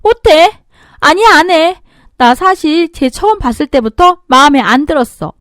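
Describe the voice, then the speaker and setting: Woman putting on a spoiled young sister-in-law, sneering, shrill, high-pitched, lively. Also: a little slow, no echo, clean studio sound. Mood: shrill, indignant. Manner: sneering, bratty.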